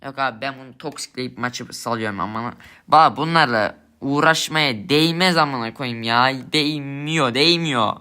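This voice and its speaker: Ranting young man, bright tense voice. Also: mid-range voice, unhurried, clear, resonant tone. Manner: swearing, ranting at teammates, frustrated. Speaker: gamer streamer. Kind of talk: angry gameplay commentary.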